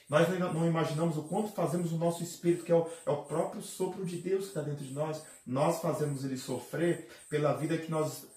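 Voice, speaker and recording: A man's voice: a little high, darkish tone. A man, a pastor, giving an emotional testimony of faith, dramatic and re-enacting his own cries and heartbeat. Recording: roomy sound from a distant mic.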